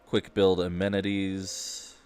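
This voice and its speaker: Low-voiced man muttering over gameplay. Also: monotone, slow pace, darkish tone, smooth, soft background music. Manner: offhand, muttering to himself. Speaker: gaming streamer. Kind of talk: casual gameplay commentary.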